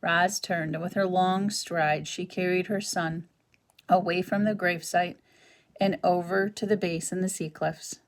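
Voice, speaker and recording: A woman teacher reading a children's novel aloud, with expressive storytelling that drops to a whisper at tense moments. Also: on the low side, unhurried.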